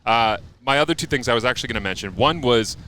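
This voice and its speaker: A man chatting casually as a motorsport podcast host, full of jokes and lively retellings. His voice sits at a middle pitch. Faint outdoor noise hums behind him on an open deck. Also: fast talker. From Canada. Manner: joking, animated storytelling. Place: outdoor observation deck at a speedway.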